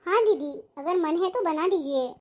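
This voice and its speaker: High voiced young sister-in-law played by a woman, sly n lazy, always making excuses, family drama. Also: moderate pace. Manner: sweet-talking, making excuses. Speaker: actor.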